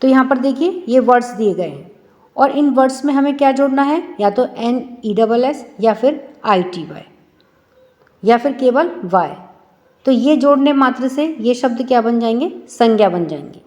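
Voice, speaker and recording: A woman's voice: a little high, animated, normal speed, a little mellow, big-room sound. A woman teacher explaining an English lesson for schoolchildren, asking rhetorical questions and answering them herself.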